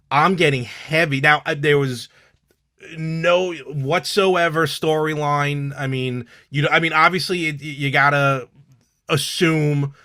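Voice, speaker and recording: A man's voice: on the high side, sharp tone. A man co-hosting a podcast, chatting casually and enthusiastically, often cutting in to agree. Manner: enthusiastic, quick to agree and interject. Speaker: podcast co-host. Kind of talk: casual chat.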